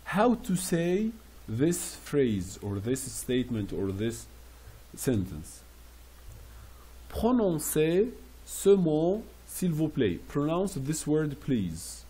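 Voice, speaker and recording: Husky dark-voiced guy teaching french phrases, says each one over and over real slow. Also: a little high, big pitch swings. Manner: explains French phrases in English, repeating each slowly. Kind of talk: classroom phrase lesson.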